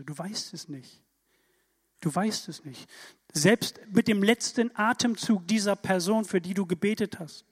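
A man with a high-pitched voice preaches to his congregation, driving his points home with emphatic rhetorical questions. His words ring out with a long reverb in a church hall. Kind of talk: sermon.

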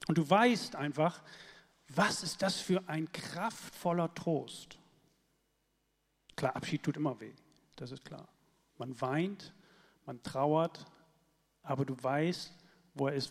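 A man preaching a sermon in a lively, conversational way, often checking in with his listeners. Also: a little high, slow pace, gravelly, long pauses, in a large hall.

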